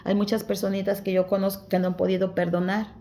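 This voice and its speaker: A woman's voice: mid-range voice, little pitch movement, fast talker, dark tone, slight background noise. A woman giving a devotional Bible explanation, exhorting her listeners as dear ones in simple, conversational preaching. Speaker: Bible study teacher.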